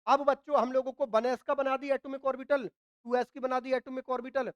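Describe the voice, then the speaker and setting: Coughing Hindi teacher with a dry throat. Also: male voice, extremely high pitch, flat delivery, brisk, no echo, muffled recording. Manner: asks students questions and answers them himself; repeats points, often says "ठीक है ना". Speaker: chemistry teacher. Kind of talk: classroom lecture at a whiteboard.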